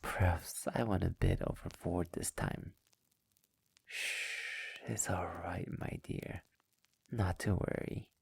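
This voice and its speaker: In this intimate ASMR roleplay, the man's sadistic, possessive immortal vampire master sounds mock tender and possessive. He taunts theatrically in a deep, breathy, gravelly voice that often approaches a whisper, keeping a steady tone, a slow pace and an exaggerated delivery.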